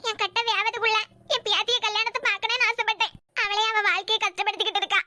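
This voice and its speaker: A woman's voice: very high-pitched, fairly even intonation, quick pace, pushed and bright, exaggerated voice. A woman with a Kanyakumari Tamil accent voicing a worried old grandmother in a cartoon, pleading for her granddaughter.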